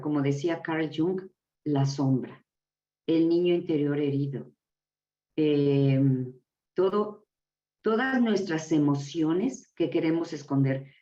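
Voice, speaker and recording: A middle-aged woman leading a live workshop, exclaiming and calling out to her group. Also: fairly low pitch. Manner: expressive, exclaiming, calls out to the audience. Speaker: workshop facilitator. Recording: echoey, dull lo-fi room from far off.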